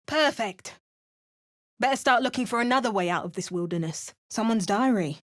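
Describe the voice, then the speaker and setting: Voicing a wry, dramatic heroine adventurer for parody game lines, a woman puts on an over-the-top mock Cockney accent and delivers hammy, theatrical spell chants. Her voice is fairly high and expressive, natural-sounding, at a moderate pace.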